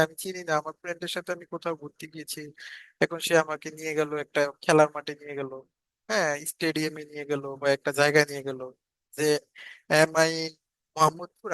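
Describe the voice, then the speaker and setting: A man teaching a spoken English lesson, slowly repeating English example sentences and then translating them. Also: fairly high pitch, a bit bright, no echo, low-quality recording.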